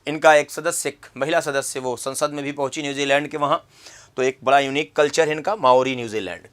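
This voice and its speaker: A man's voice: medium pitch, fairly quick, fairly bright tone. A man teaching an exam-prep geography lesson, repeating key terms and quizzing the viewer with questions.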